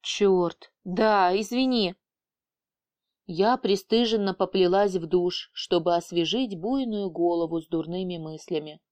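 A woman reading an audiobook in the first person, with a lively, sardonic storytelling manner. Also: on the low side, moderate pace, few pauses. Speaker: audiobook narrator.

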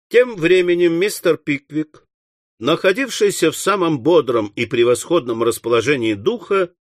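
A man reading a classic novel aloud as an audiobook narrator, in measured storytelling. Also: mid-range voice, no room sound, clean studio sound. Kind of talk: scripted literary narration.

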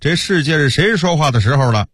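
A man voicing enemy heralds who shout mocking taunts up at a besieged city, in a raised, higher voice. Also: expressive, brisk, slightly rough, dry recording, clean studio sound. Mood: jeering. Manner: jeering, mocking calls.

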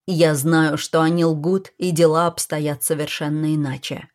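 A woman's voice: low-pitched, little pitch movement, a little slow. A woman voicing an angry, protective man who speaks in a stern, clipped way in a storybook reading. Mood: grim.

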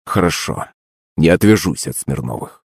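A man playing a gruff, hard-drinking prince who growls his lines low and slow. The voice sits deep and rough, and it sounds heavy and sullen. It is recorded dry and close to the mic. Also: lively intonation, no room sound, exaggerated voice. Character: blustering, hard-drinking middle-aged prince, clan head. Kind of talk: audiobook character voice.

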